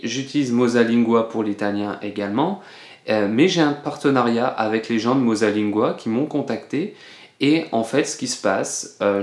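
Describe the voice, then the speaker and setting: A man teaching French in a casual video lesson, explaining patiently with frequent hesitations. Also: medium pitch. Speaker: French teacher, channel host. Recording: roomy echo.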